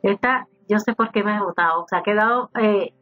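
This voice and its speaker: A woman's voice: medium pitch, fairly quick. Chatty woman narrating her life-sim game. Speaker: gaming YouTuber. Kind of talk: casual let's-play commentary. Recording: slightly dull home recording with faint game music. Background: faint game music.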